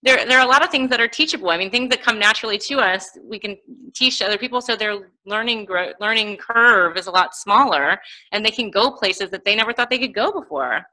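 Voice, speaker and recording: An energetic woman guest speaks in an interview with a bright, forward tone. She laughs often and now and then clears a slight frog in her throat. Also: medium pitch, brisk, low-quality recording. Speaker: guest, lawyer and coach. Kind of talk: interview conversation.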